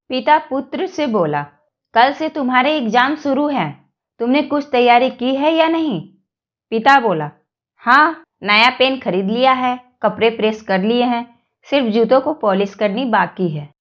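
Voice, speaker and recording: A woman reading a series of short jokes aloud, telling them slowly and evenly with the quoted lines. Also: on the high side, echoey room. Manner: slow, even joke telling with quoted lines. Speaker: joke narrator.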